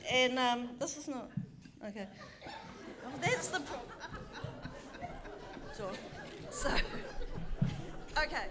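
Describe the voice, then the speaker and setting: A woman's voice: high voice, expressive, slow, pauses often, over a noisy crowd, very noisy. Bawdy New woman telling a story. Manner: frank, bawdy and self-mocking, with chatty asides. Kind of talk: live comic storytelling. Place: theatre stage.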